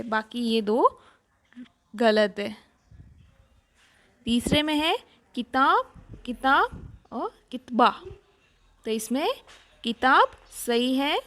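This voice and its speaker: Lady teacher going over worksheet answers, kinda high voice, takes it slow. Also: a bit bright. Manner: slow, patient explaining of answers. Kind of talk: worksheet walkthrough lesson.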